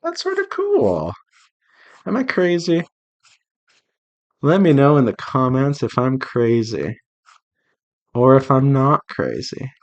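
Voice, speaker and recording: Drawing on stream, this indie visual novel developer rambles casually and playfully to himself and his viewers for his devlog. His medium-pitched voice swings hugely up and down, and he takes his time, leaving long pauses. The audio is dull.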